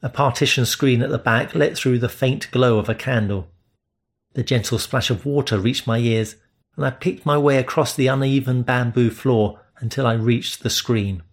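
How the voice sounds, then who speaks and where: This is a man narrating an audiobook, delivering a first-person romance passage. His mid-range voice stays even and measured throughout.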